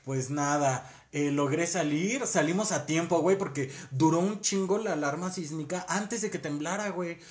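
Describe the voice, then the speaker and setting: A man's voice: a little high, normal speed, few pauses. A man with a Mexican accent trading crude, teasing, profane banter in casual chat. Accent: Mexican Spanish.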